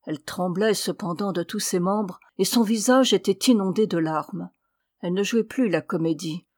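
A woman's voice: mid-range voice, normal speed, no room sound. Woman narrating a literary audiobook.

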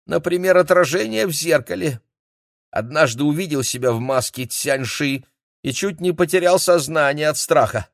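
A man's voice: on the high side, normal speed, creaky, no echo, studio quality, pitched above the performer's own voice. A man voicing a giggly, dim-witted young hotel porter, chatting in a raised, playful voice.

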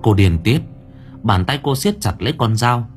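A man narrating a horror audio story in a dramatic, expressive way. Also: mid-range voice, moderate pace. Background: faint background music.

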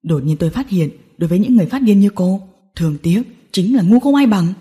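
A woman's voice: fairly low pitch, a little fast, dark tone, long reverb tail, voice pushed down, close to an everyday voice. A woman voicing a bitter, vengeful young businessman in an audiobook drama, talking coldly through clenched teeth. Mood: cold, seething.

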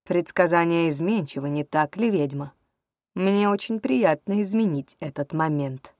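A woman voicing a cold, menacing male villain who speaks low and slow in an audiobook. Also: darkish tone, dry recording, clean studio sound. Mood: cold menace.

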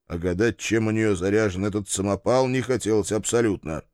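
A man's voice: lowish voice, steady tone, a little fast, darkish tone, no echo, studio quality. Man narrating a wry audiobook. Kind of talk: first-person audiobook narration.

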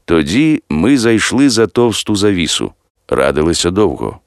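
A male audiobook narrator with a very low, gravelly voice that still reads smooth and resonant. His delivery is lively and varied. The recording is dry and close. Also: moderate pace, no room sound. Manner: expressive storytelling.

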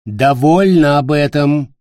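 A man reading an audiobook, voicing a proud, imperious fairy queen in a higher, louder voice. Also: lively intonation, slow pace, no room sound, studio quality.

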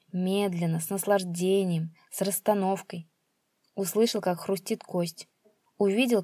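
A woman reading a grim short story aloud at an even, steady pace. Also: medium pitch, dry recording, clean studio sound. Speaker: narrator.

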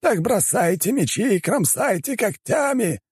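A raging old vampire elder screams orders in a high, strained voice. He sounds fanatical and unhinged. The recording is close and dry. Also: big pitch swings, measured pace, darkish tone, breathy edge, no room sound, heavily acted. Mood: furious.

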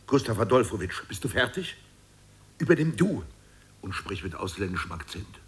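A gruff, husky party boss. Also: male voice, lowish voice, sing-song, moderate pace, exaggerated voice. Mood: grumpy. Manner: gruff, impatient, commanding. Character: irritable male head of state, always interrupted at lunch. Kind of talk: 1990s radio play satire.

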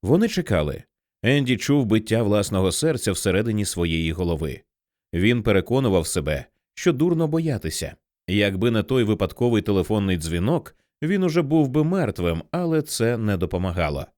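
A man narrating an audiobook in a lively, dramatic storytelling manner. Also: lowish voice, moderate pace, dry recording, studio quality.

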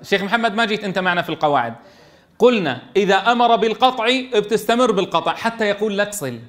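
A man's voice: high-pitched, lively intonation, fast talker, fairly bright tone. A man leading a classroom tajweed lesson for Quran teachers, explaining step by step and checking in with his students.

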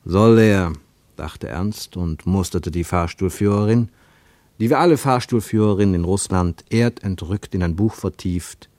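A man narrating a radio drama expressively, with an animated storyteller's delivery. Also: low voice, moderate pace, no room sound.

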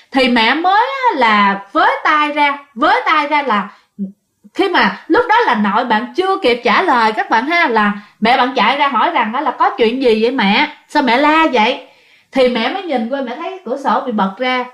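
A woman's voice: high voice, fairly bright tone. A woman narrating a ghost story, talking directly to listeners in a repetitive, conversational way.

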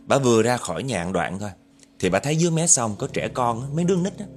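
Lively storyteller man. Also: medium pitch, fast, husky, soft background music. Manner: lively, dramatic, speaks to listeners directly. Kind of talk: ghost story narration.

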